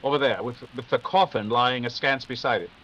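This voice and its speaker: A man playing Sherlock Holmes, a brisk, self-assured detective, in formal, authoritative 1940s radio mystery style. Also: medium pitch, pushed and bright. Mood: commanding. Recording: dull, noisy live radio-play recording.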